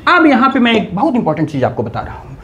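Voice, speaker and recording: Animated male teacher with a lively voice. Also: high voice, fast talker. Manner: animated, with playful mock scolding of students. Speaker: English teacher. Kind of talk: explaining grammar in a video lesson.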